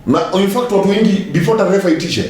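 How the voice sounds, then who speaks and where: A man's voice: high-pitched, expressive, fast talker, a loud crowd. A man with a Kenyan accent in casual group banter, swearing freely and mixing Swahili with English. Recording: echoey room with faint noise.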